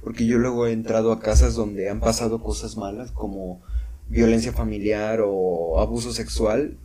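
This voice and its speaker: A man's voice: lowish voice, steady tone, moderate pace, mellow. A young man, co-hosting a casual podcast and telling a story animatedly with sound effects and restarts. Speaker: podcast co-host. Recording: home podcast recording.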